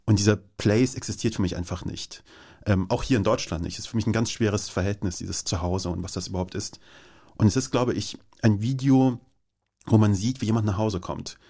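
A man's voice: lowish voice, brisk, warm tone, breathy edge. A man from Afghanistan talking as a radio guest, enthusiastic and thoughtful in turn. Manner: enthusiastic, then thoughtful and reflective. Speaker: studio guest. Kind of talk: casual radio conversation.

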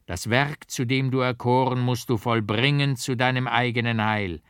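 A man voicing a solemn, mysterious old painter who speaks slowly and commandingly. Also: mid-range voice, fairly even intonation, fairly bright tone, clear, resonant tone, dry recording, studio quality, voice pushed up, natural voice.

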